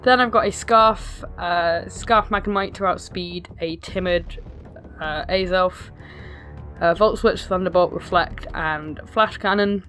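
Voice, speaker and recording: Casual game commentator: woman, lowish pitch, raspy and hoarse from illness, dry self-deprecating swearing, faint music underneath. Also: takes it slowly, a bit bright. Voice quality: raspy smoker's rasp. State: ill, hoarse. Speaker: video host narrating own battle. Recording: music behind the voice.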